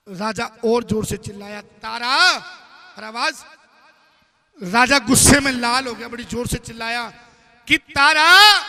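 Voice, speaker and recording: A man's voice: very high-pitched, bright, forceful tone, long reverb tail. A man narrating a devotional story at a live gathering, urging the crowd to chant along.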